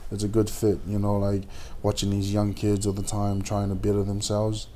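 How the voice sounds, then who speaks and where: Low-voiced guy in his 20s, from samoa, lots of uhs and restarts, boxer being interviewed. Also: completely flat delivery, warm tone, a little hiss or hum. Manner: halting, many fillers and restarts. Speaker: guest, pro boxer. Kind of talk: casual interview.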